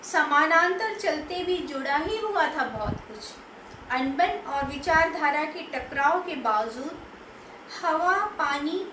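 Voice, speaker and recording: Slow-reading woman poet in echoey room. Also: high-pitched, animated, pushed and bright. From Madhya Pradesh, India. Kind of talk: poetry recitation. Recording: echoey room, distant mic, faint noise.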